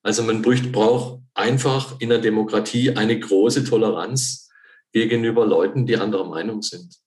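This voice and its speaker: A man's voice: fairly low pitch, fairly even intonation, normal speed, a little mellow. Thoughtful male commentator in a roomy space. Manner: thoughtful, hesitant, with restarts. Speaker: newspaper author, guest. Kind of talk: analytical conversation.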